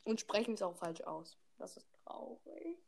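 A woman's voice: medium pitch, animated, normal speed, vocal fry, slight background noise. A teenage girl in a casual chat game, teasing and a bit bossy.

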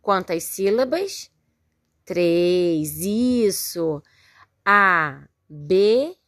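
A woman's voice: medium pitch, very animated, takes it slowly, no room sound, clean studio sound. A Brazilian woman teaching first graders in a recorded lesson, patiently sounding words out syllable by syllable and praising often. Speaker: primary school teacher. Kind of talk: recorded remote lesson for young children.

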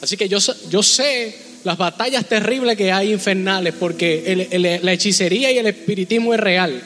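A man's voice: high-pitched, moderate pace, a bit bright. A man preaching a fervent sermon as pastor, urging his congregation. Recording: long hall reverb with music behind.

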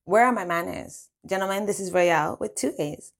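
A woman's voice: mid-range voice, moderate pace, creaky, lightly acted. A woman voicing a brash, flirty female friend who teases everyone. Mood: teasing. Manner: teasing, bold.

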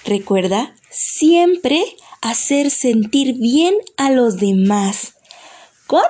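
A woman narrating a children's story in a gentle, expressive way, now and then asking the listener questions. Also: fairly high pitch, very slow.

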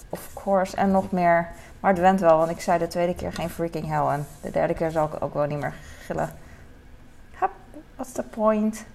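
A young woman talks her way through making pancakes in her home kitchen, easygoing and self-mocking, trailing off into fillers and dropping English phrases. Her voice sits at an ordinary middle pitch. The recording carries clear kitchen noise and clicks of utensils behind her. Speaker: vlogger. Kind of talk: casual cooking vlog chat.

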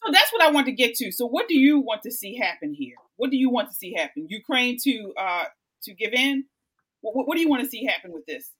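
Fairly high-voiced woman moderating a panel. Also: very animated, brisk, a bit bright, slightly rough. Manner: direct, presses with repeated questions. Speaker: host, debate moderator.

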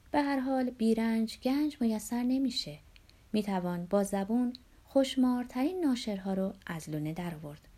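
A woman's voice: a little high, dark tone. A woman narrating an audiobook in the first person with wry, dry irony. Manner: wry, dryly ironic first-person storytelling.

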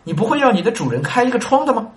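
A man voicing a blunt, stubborn male fool who bursts out with high-pitched indignation. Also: big pitch swings, rapid-fire. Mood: insistent.

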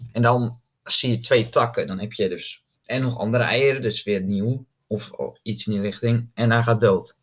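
A young man chatting casually as a podcast co-host, halting with many fillers and restarts. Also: lowish voice, steady tone. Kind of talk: casual chat.

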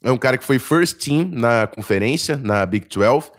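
A Brazilian man hosting a casual sports podcast in informal, halting, slangy talk, his voice slightly strained and failing. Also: mid-range voice, expressive. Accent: Brazilian Portuguese. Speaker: podcast host.

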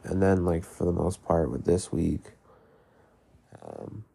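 A man with a gravelly, phlegmy voice, congested from being sick, talking casually about his life in a halting, rambling way. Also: low voice, lively intonation, dark tone. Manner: halting, rambling, heavy use of "like"; casual swearing. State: sick, congested with mucus in throat. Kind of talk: casual personal diary-style talk.

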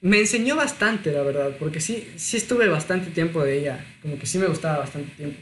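Young man, high-pitched, confessional chat, faint background hum. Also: a little fast. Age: 20s. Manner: confessional storytelling, lively and self-mocking. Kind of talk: casual chat.

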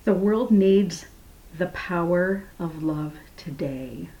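Slow, soft, hushed woman guiding meditation. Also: on the low side, muffled recording. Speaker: guided meditation leader. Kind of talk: slow guided meditation and prayer.

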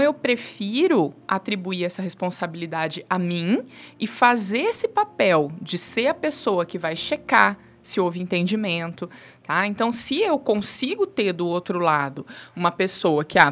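A woman's voice: mid-range voice, measured pace. A woman in her thirties with a Brazilian accent, a guest explaining communication on a talk show and acting out quoted lines. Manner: animated, acts out quoted speech. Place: studio talk show with three people.

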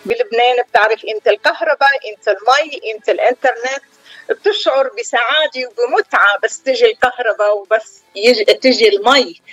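A middle-aged woman with a Lebanese accent, a chef speaking over the phone as a guest on a call-in interview, telling her story calmly and without hurry. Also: fairly high pitch, no echo. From southern Lebanon. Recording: dull phone line.

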